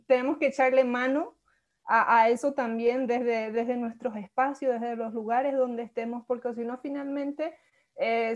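Young woman from Latin America, higher voice, earnest rhetorical questioner on a video call. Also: a little mellow. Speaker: workshop participant. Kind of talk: spontaneous reflective remarks. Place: small room at home. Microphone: earphone mic on a video call.

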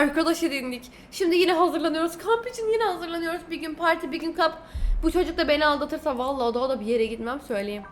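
A young woman giving excitable, casual commentary while playing a game, reading the choices aloud and talking to her viewers. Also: high voice, slight background noise. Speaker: gaming YouTuber.

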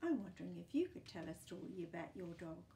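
A New Zealand woman in her sixties hosts a children's storytime, reading a picture book aloud with expression, chatty asides and questions in a small room full of books. Her voice is lowish, dark, creaky and sing-song, and she talks fast. A faint hiss or hum sits in the background.

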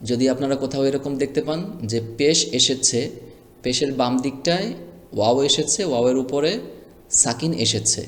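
A man's voice: medium pitch, normal speed. A man teaching Quran reading, spelling out syllables one by one and chanting short recited phrases. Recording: echoey room with long reverb.

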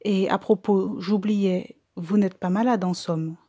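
A woman voices a brisk young hospital intern in an audiobook, doubtful and quick with his questions. The tone is warm and mellow. The sound is dry and close. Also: mid-range voice, steady tone, dry recording, natural voice. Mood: calmer.

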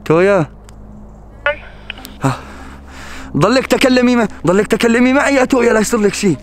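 A man's voice: very high-pitched, animated, fairly quick, a little hiss or hum. A man with a Levantine Arabic accent hosting an adventure vlog, calling out urgently and muttering prayers. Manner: frantic, urgent calling out and praying under his breath. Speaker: adventure vlogger. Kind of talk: staged adventure vlog narration.

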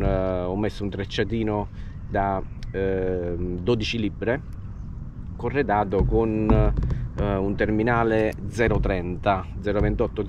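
A man's voice: on the low side, lo-fi sound, background noise. A man in his forties, from Italy, explaining his fishing gear from a kayak on a lake, talking casually with frequent fillers, recorded on an action camera. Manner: relaxed, hesitant with fillers while explaining gear. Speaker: fishing vlogger. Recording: music playing underneath.

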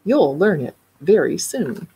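A woman voicing a patient female violin teacher in a children's picture book, speaking slowly and carefully as she instructs. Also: fairly low pitch, sing-song, gravelly, dark tone, husky, exaggerated voice. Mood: encouraging.

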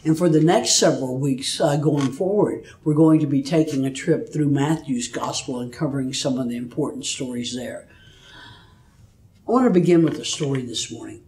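A man leading an online worship service, preaching a sermon and reading scripture with measured storytelling. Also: medium pitch, a little mellow. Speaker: pastor. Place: church. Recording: echoey room, mic at a distance.

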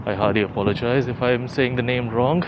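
A young man with a medium-pitched voice speaks briskly as he strolls city streets, giving informal walking-tour vlog commentary and thinking aloud. The audio is dull, with street traffic ambience throughout.

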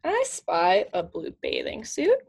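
This woman in her twenties reads a picture book slowly to children, her fairly low voice gravelly, husky and darkish, with huge pitch swings. She uses simple, teacherly phrases with questions, in a small indoor room at home with shelves.

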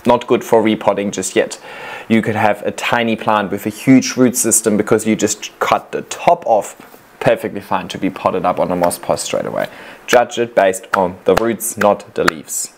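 A plant content creator with a somewhat low voice reacts to viewer videos, giving practical care tips in a relaxed, chatty way at normal speed. He wanders between points with fillers and restarts, and a little hiss or hum is audible.

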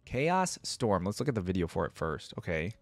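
A young adult man hosts a reaction video, giving casual, conversational game commentary while thinking aloud at a desk in a small indoor room. He wears a headset and uses a close desk microphone; his low, sing-song voice runs at normal speed, dry, with soft background music.

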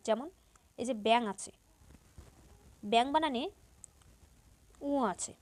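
A high-voiced woman teaching a school grammar lesson. She explains patiently and step by step. She says each example word slowly and repeats it.

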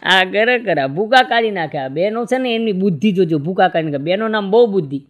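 A stand-up comedian from Gujarat, India, tells jokes on stage in a folksy storytelling style, acting out dialogue with shifting pitch. He speaks a little fast with lively intonation over a noisy background.

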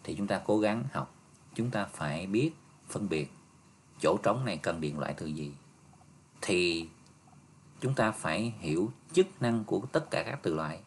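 A male teacher goes through an exam review step by step, patient, ending phrases with soft tags. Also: lowish voice, slight background noise. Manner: patient, explains step by step, ends phrases with "ha" and "nha".

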